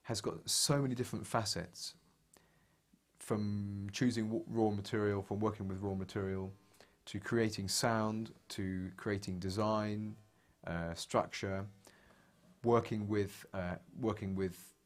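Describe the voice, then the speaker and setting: A man's voice: on the low side, fairly even intonation, unhurried. A man who builds guitars, speaking thoughtfully in an interview and often stopping to restart and repeat words. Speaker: guitar maker. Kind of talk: reflective interview talk.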